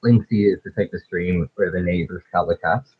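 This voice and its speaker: A man's voice: sits low, normal speed, breathy edge. A man chatting casually on a livestream, his voice muffled as if heard through a wall, trailing off with fillers. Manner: laid-back, trailing off with fillers. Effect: muffled voice, as if through a wall or underwater. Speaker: streamer co-host. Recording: muffled lo-fi earbud mic.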